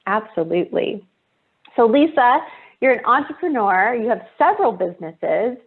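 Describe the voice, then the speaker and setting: A woman's voice: fairly high pitch, lively intonation, moderate pace. A woman hosting an online interview over a video call, speaking in an effusive, complimentary way. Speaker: host. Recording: phone-like narrow sound.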